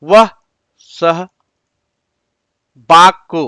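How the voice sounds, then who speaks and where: A man's voice: on the high side, steady tone, bright, forceful tone, smooth, no room sound, studio quality. A man teaching an exam-prep lesson, explaining example sentences word by word and repeating his advice often. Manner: slows to spell out example sentences.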